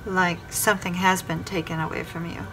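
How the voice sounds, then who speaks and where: The audio quality is low, with clear music playing under the voice. A woman with a low voice and little pitch movement reads weekly tarot at normal speed, addressing each star sign directly and going back over her phrases.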